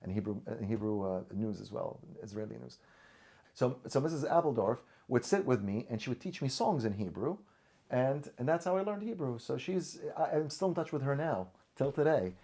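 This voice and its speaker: Very animated yet at normal speed, his mellow medium-pitched voice carries personal stories told earnestly as a podcast guest. He is from Syria, Arabic is his first language, and he often restarts and repeats words.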